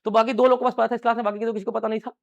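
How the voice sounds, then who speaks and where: A male English teacher with a high voice delivers a rapid-fire grammar lecture in class, his tone level and marked by vocal fry, with the recording's highs cut off. He asks students questions, answers them himself, and hammers the same phrases repeatedly.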